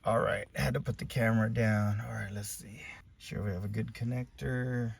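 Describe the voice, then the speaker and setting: A sleepy man with a lowish, gravelly, slightly rough voice hosts a casual car-build vlog from his home garage. His intonation stays fairly even at a moderate pace. He's laid-back, cracking jokes and chatting while he works on the car.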